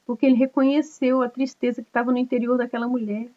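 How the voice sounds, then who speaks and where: Woman pastor, high voice, earnest conversational sermon, dull lo-fi online audio. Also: level tone, quick pace. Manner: earnest, conversational preaching with frequent tag questions. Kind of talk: online cell group sermon. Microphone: online video call.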